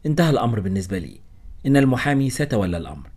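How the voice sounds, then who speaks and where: A man's voice: medium pitch, sing-song, very fast, a little mellow. A man voicing an irritable blonde German wife who speaks sharply and with exasperation, in a storybook reading. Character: angry blonde German wife, middle-aged.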